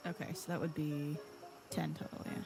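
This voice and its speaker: A woman's voice: sits low, little pitch movement, brisk, vocal fry, poor audio. A woman chatting casually as a player in a tabletop role-play game. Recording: loud music behind the voice.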